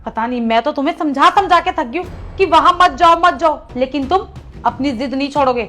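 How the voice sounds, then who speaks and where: A woman's voice: high-pitched, fairly quick, pushed and bright. A woman playing a nagging young wife who scolds her husband and keeps demanding answers. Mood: scolding. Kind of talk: acted family short drama.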